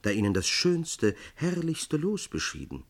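A man's voice: a little high, wildly swooping pitch, a little slow, voice pushed up, heavily acted. A man doing a pompous young poet. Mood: gushing. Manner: pompous, effusive. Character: vain young male court poet, flowery.

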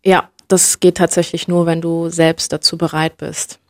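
A young woman from Germany, speaking reflectively as an interview guest and often pausing to search for words. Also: on the low side, little pitch movement, no room sound, studio quality. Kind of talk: personal interview conversation.

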